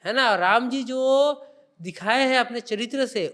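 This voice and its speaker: A man's voice: very high-pitched, a little slow, a bit bright. A man speaking as a religious guest on a podcast interview, explaining spiritual teachings in an emphatic, preaching way.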